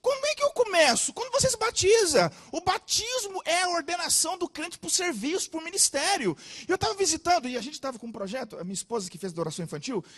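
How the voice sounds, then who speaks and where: A man with a Brazilian Portuguese accent preaching a sermon as pastor, telling stories animatedly with loud emphases and soft asides. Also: very high-pitched, lively intonation, fast talker, few pauses.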